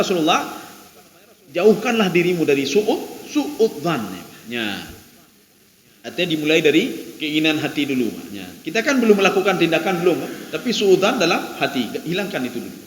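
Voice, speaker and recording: Male Islamic preacher, Acehnese accent, high voice, talks straight to the congregation, echoey mosque hall. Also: fairly bright tone. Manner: peppers lines with direct address to listeners, repeats phrases. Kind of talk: conversational sermon.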